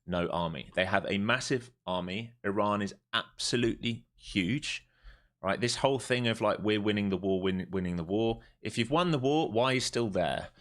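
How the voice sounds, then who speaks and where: Market talk and chat come at a normal speed from this livestream day trader, a European man in his forties. His voice leans low with a fairly bright tone, and his manner is blunt and casual.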